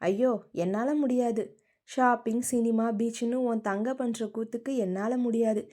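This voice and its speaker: A woman's voice: a little high, steady tone, measured pace, warm tone. A woman voicing a middle-aged mother good-naturedly refusing an outing, in an audiobook. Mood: exasperated. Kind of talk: audiobook character reading.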